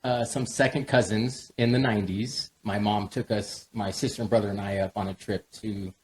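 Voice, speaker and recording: A man's voice: lowish voice, steady tone, moderate pace. A man from Southern California hosting a podcast, asking questions and giving frequent short encouraging replies. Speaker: podcast host. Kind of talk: casual interview chat.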